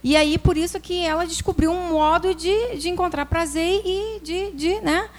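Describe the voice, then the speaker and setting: A woman, a preschool teacher, telling a personal classroom story in an animated way, acting out quoted voices and using religious phrasing. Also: extremely high pitch, moderate pace. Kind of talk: personal testimony talk.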